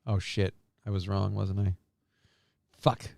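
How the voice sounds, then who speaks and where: A man's voice: on the low side, completely flat delivery, takes it slowly, vocal fry, a little mellow, dry recording, studio quality. A man co-hosting a casual chat show, rambling and sarcastic, with plenty of swearing. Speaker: co-host.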